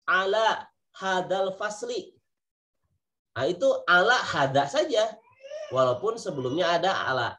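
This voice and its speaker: A man with an Indonesian accent teaching an Arabic vocabulary class, patiently repeating each word and point. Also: fairly high pitch. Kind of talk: online class lesson.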